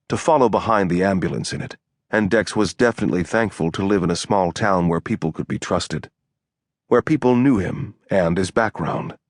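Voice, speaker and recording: A man narrating an audiobook in a measured, even storytelling manner on a close studio mic. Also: deep voice, dry recording. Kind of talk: scripted narration.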